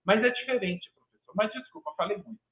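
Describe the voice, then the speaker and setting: A man's voice: sits high, quick pace. A man with a Brazilian Portuguese accent, a master's candidate answering examiners at his project defense, talking in a rambling, hesitant way with many restarts, heard over a video call. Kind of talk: academic thesis defense answer. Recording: tinny video-call audio.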